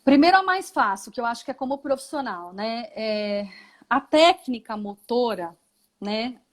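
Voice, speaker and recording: A woman's voice: fairly high pitch, expressive, moderate pace. A Brazilian woman, a physiotherapist and mother, explaining her path in a live interview, reflective, with many tag questions. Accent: Brazilian Portuguese.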